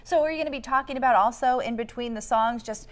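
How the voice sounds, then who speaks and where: A woman anchor interviewing a guest on a morning news show, friendly and brisk. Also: on the high side.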